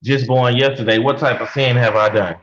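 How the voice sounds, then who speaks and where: A man's voice: medium pitch, steady tone, fairly quick, background noise. Blunt young man questioning, lo-fi mic. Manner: blunt, questioning, slangy street talk. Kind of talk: casual debate over mics.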